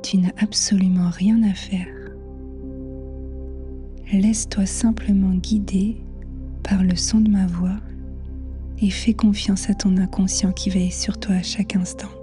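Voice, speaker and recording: A woman guides a meditation very slowly over faint new-age music. Her voice is soft, mellow and half-whispered, and she leaves long, soothing pauses between short phrases. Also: mid-range voice, level tone. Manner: slow, hushed, soothing delivery with long pauses.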